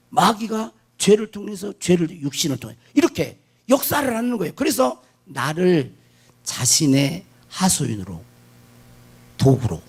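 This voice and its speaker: Animated, husky-voiced Korean pastor preaching. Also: male voice, fairly high pitch. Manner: emphatic, asks the congregation questions and answers them; swings between hushed asides and shouted declarations. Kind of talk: sermon.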